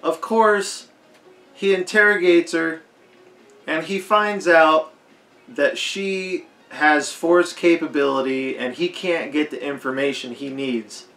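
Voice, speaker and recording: A man with a hoarse, fading voice giving a rambling, unscripted movie commentary, leaning hard on "like". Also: fairly high pitch, slow, a bit bright. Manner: rambling, heavy use of "like". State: hoarse, losing his voice. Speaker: film commentator. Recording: echoey roomy recording.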